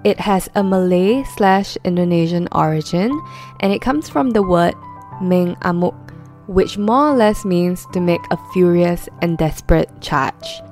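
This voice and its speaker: Over faint background music, a woman podcast host tells a true-crime story in a conversational way, sprinkling in chatty asides and rhetorical questions. Her voice sits on the low side, darkish in tone, at a measured pace.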